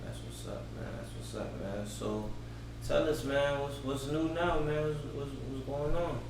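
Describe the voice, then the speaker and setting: A man hosting a casual interview, relaxed and encouraging, who keeps repeating short affirmations. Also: mid-range voice, a little slow. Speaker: interviewer, host. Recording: echoey room, mic far off, background hum.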